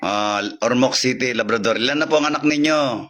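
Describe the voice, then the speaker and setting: A man's voice: medium pitch, a crowd in the background. A man from the Philippines leading a healing session over a call, repeating short commands in a chanting rhythm and droning through Latin prayers. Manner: recites Latin prayers in a rapid drone. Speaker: faith healer.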